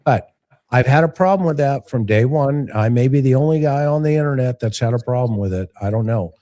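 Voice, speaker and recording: A man's voice: mid-range voice, a little fast, warm tone. A man hosting a live call-in show, giving casual, opinionated commentary in a blunt, folksy way with rhetorical asides. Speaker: talk show host and investigator.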